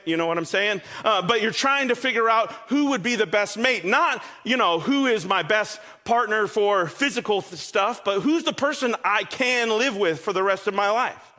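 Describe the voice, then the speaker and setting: A man's voice: high-pitched, bright, forceful tone. A male pastor preaching a sermon in a conversational, joking way, often checking in with his listeners.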